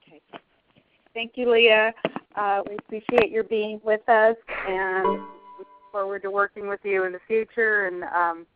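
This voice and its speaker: A woman hosting a conference call, moderating questions in a polite, halting way. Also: medium pitch, steady tone, soft background music. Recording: tinny, narrowband phone line.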